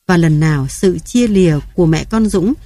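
Woman narrator, measured solemn story reading, dark mellow voice, dry close sound. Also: fairly low pitch, no echo.

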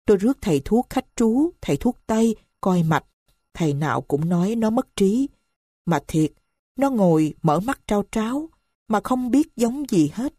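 A woman's voice: medium pitch, animated, moderate pace, dark tone, slightly rough, dry recording, studio quality. A woman voicing a bitter aunt who scolds and accuses with scorn.

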